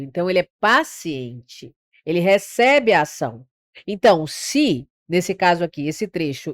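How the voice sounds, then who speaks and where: A woman's voice: lowish voice, no room sound. A Brazilian woman teaching grammar for exam prep, her voice recorded close and dry with no room sound. She explains patiently, poses questions to her students and stretches out words to mark their stressed syllables. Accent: Brazilian Portuguese. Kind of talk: online grammar lesson.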